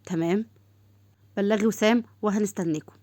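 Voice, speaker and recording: A woman's voice: mid-range voice, fairly quick, dark tone, no room sound, close to an everyday voice. A woman voicing a firm, commanding male team leader.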